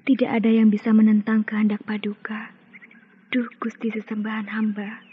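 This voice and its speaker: An actress voicing a devoted, anxious young palace maidservant in an old radio drama, speaking with humble, pleading deference. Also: female voice, medium pitch, completely flat delivery, moderate pace, slight background noise. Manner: pleading, deferential court speech. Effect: old radio show sound. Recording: muffled old radio play with music.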